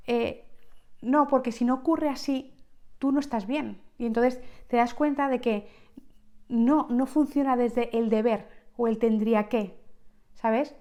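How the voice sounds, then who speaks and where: A woman's voice: a little high, steady tone, measured pace, darkish tone, muffled recording. A woman with a Spanish accent giving an unscripted self-help monologue as a podcast host, often checking in with "right?" and restarting words. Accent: Spain.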